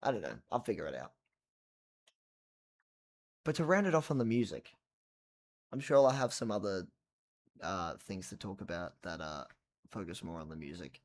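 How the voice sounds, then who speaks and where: A man's voice: low-pitched, expressive, moderate pace, pauses often. A tired man rambling casually about an album late at night at home, swearing now and then and trailing off into mumbles. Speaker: vlogger reviewing a record.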